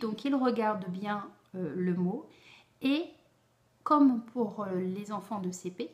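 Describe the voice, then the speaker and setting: A woman's voice: mid-range voice, darkish tone. Woman explaining step by step, instructional. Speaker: educator giving spelling advice to parents.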